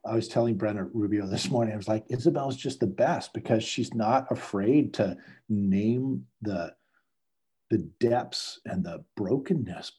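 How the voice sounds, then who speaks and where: Male pastor, dark husky voice, encouraging interviewer, gets excitable. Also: lowish voice. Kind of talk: church interview.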